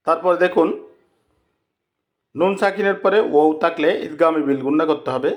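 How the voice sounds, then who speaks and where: A man teaching Quran recitation rules step by step, repeating each example and drawing out the Arabic words slowly. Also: a little high. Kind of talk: slow step-by-step tajweed lesson.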